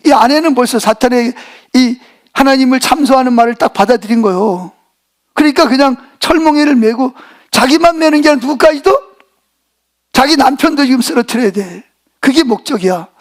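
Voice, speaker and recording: A man's voice: very high voice, animated, brisk. A male pastor preaching a sermon, retelling a scripture story and quizzing the congregation with rhetorical questions.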